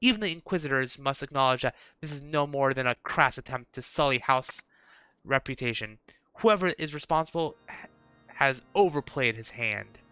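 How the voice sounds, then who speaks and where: A man's voice: medium pitch, animated, moderate pace, pushed and bright, smooth, no room sound, highs cut off, faint music behind. A man reading aloud the formal, solemn lines of a house official in a video game.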